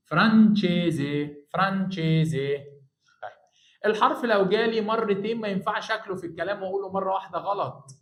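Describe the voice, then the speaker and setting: Egyptian male tutor, fairly high voice, echoey room, slow word drills, encouraging. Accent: Egyptian Arabic. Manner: drills words slowly, repeats each one, coaxes the student. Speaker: Italian language teacher. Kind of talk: online lesson for high school students.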